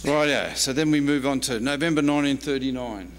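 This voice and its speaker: A historian and archivist with an Australian accent gives a prepared history lecture, mostly read aloud, in a reverberant convention room. His voice is medium-pitched and brisk.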